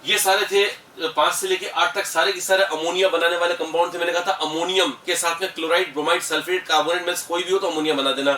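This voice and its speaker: A man's voice: high-pitched, steady tone, quick pace, few pauses, pushed and bright. Man, Indian accent, chemistry teacher, explanatory lecture, echoey room, distant mic. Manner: explanatory, addresses students as beta, mixes English terms. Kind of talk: classroom lecture.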